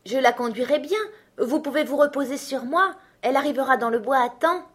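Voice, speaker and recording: A woman's voice: fairly high pitch, moderate pace, natural voice. A woman voicing a tiny, clever peasant boy with an eager, cheeky way of talking, in a storybook reading. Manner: bright, eager, mocking.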